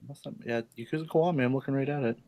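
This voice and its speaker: A man's voice: medium pitch, racing, mellow. A man hosting a gaming podcast, reading news in a loose, rambling way and swearing often. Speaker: podcast host. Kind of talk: casual gaming news chat.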